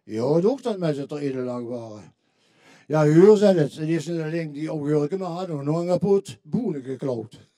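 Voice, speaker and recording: Man, Limburgish accent, carnival comedian, dark husky voice, slightly high pitch. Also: animated, normal speed. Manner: tells punchline jokes, acting out quoted voices. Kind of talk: carnival joke routine.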